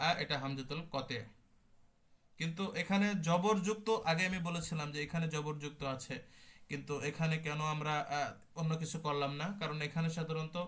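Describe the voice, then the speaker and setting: A young man with a slightly high-pitched voice gives an online lesson on Quran recitation. He explains each rule step by step and asks questions only to answer them himself. He stretches out sample syllables and repeats them several times so learners can copy them. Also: a bit bright. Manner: explains slowly, drawing out and repeating sample sounds. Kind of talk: online tajweed class.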